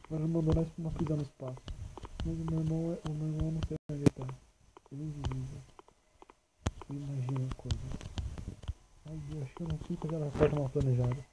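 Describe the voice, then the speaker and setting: A man's voice: a little high, little pitch movement, fast, long pauses, heavy background noise. A teenage boy with a Brazilian accent commentating a horror game, nervous and joking, yelping at scares and talking back to the monsters. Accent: Brazilian Portuguese. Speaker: gaming channel host. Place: at home.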